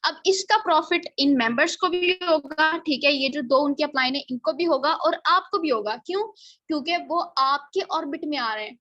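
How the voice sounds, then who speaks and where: Woman, high voice, repeats "okay" to check understanding, casual lesson. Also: normal speed, pushed and bright, no echo. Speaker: presenter explaining a marketing plan. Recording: dull, slightly lo-fi dry recording.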